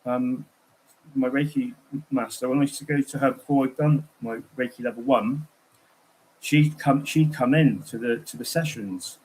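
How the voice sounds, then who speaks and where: A man's voice: medium pitch, steady tone, moderate pace, a little mellow, rough recording. A man chatting casually on a livestream, telling rambling, digressive stories.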